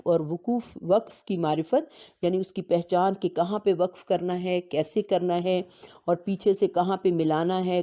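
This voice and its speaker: A woman giving a religious lesson on reciting the Quran, explaining steadily and reciting Arabic verses slowly. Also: lowish voice, dark tone. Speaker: Quran teacher.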